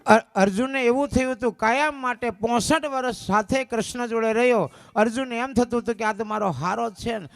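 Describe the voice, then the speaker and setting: A man preaching at a village gathering, folksy and storytelling, slipping into drawn-out sung lines. His voice is high and gravelly. A faint instrument plays behind him. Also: faint music behind. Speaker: bhajan singer and preacher. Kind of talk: village satsang sermon with sung verses.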